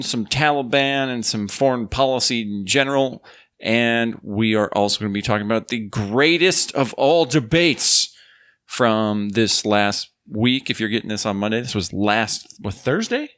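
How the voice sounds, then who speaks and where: A man co-hosting a political talk podcast, reading an animated, quick intro and then chatting casually. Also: medium pitch. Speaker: podcast co-host.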